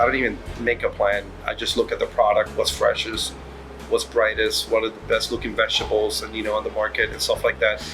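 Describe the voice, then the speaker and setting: Low-voiced man from Puerto Rico, rambling. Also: a bit bright, rough recording. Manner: rambling, many fillers and restarts. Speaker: restaurant managing partner. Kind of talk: casual interview. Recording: music playing underneath.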